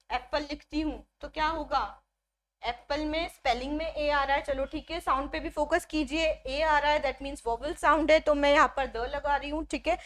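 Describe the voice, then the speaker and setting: A woman with a high, bright voice teaches an exam-prep grammar lesson. She moves through each rule step by step, checking in with her students, and draws out the English examples slowly. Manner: explains step by step, often asks "ठीक है" to check; mixes Hindi with English phrases, slows down on English examples.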